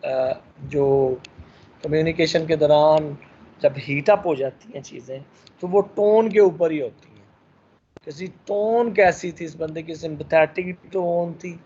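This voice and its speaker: Man lecturing, slightly high, lo-fi. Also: a little mellow. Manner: lecturing with frequent fillers and English phrases. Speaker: teacher. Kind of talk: recorded lecture.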